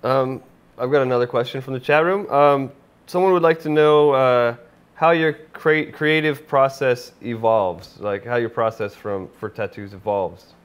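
A man in his thirties hosting an online tattoo show, talking in a relaxed, friendly way with fillers. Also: medium pitch, measured pace, smooth. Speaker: host. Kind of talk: casual interview host. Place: indoor studio room.

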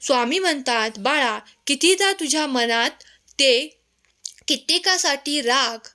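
Woman narrator for devotional messages, high pitched, tender and gentle delivery. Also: lively intonation, measured pace. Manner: gentle, tender address to the listener as a child.

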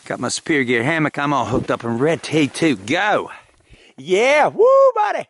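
A man's voice: medium pitch, lively intonation, a little fast, a bit bright. A man vlogging casually outdoors in snowy winter woods, joking and playful as he talks. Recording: noisy outdoor camera audio.

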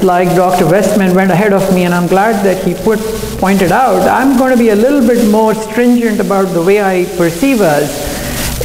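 A middle-aged man, a cardiologist, giving an earnest conference talk at a podium microphone, talking quickly with fillers and self-corrections. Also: sits high, a little mellow, a little hiss or hum. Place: large hotel conference room. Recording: echoey hall, recorded from afar.

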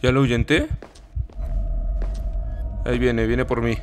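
A man's voice: medium pitch, fairly even intonation, slow pace, background noise. A young man commentating a horror game as he plays, reacting with swearing and nervous laughs. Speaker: gaming YouTuber.

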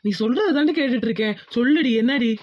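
A woman's voice: a little high, expressive, fast talker, darkish tone, muffled recording. A woman voicing a young village groom in a cartoon, soothing but firm and insistent. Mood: guarded. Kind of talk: cartoon voice acting.

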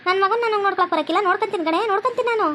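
A woman voicing a bossy, sharp-tongued older mother-in-law in a cartoon, scolding fast in a North Karnataka Kannada accent. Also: a little hiss or hum. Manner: scolding, rapid and shrill. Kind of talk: cartoon voice acting.

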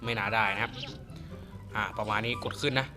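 A man's voice: medium pitch, a little fast. Guy hyped up playing a fighting game, lots of oohs and wows, game music going behind. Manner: excitable, exclaims and gasps often. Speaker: game reviewer. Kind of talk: excited gameplay commentary. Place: home beside a busy road.

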